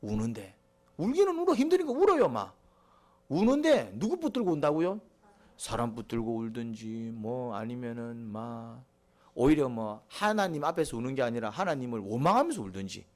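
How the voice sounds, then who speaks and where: A man's voice: very animated, normal speed. A middle-aged male pastor, preaching a sermon, asking the congregation questions and answering them himself. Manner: swings between quiet, low asides and loud, high emphatic lines.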